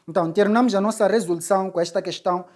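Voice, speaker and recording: A woman's voice: mid-range voice, steady tone, very fast, darkish tone. Woman teacher explaining step by step. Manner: explains step by step, repeats key words, asks "ok?". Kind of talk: exam-solving lesson.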